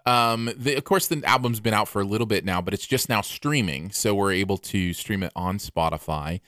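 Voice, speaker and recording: A man's voice: fairly low pitch, fairly quick, fairly bright tone, no echo, clean studio sound. A man co-hosting a casual music review podcast, talking enthusiastically with music playing behind him. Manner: enthusiastic, laughs often. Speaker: podcast co-host.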